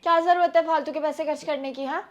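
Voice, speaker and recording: A firm, persuasive young wife who lectures her husband on savings, played by a woman. Her voice sits high and she talks steadily, like a sensible homemaker laying down the law. It comes from a scripted family skit. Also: steady tone, fast, natural voice.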